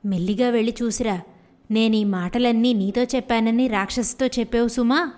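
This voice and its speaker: A woman voicing a kind talking parrot who is really an enchanted girl, speaking gently and soothingly. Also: a little high, steady tone, normal speed, close to an everyday voice. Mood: hushed, kindly.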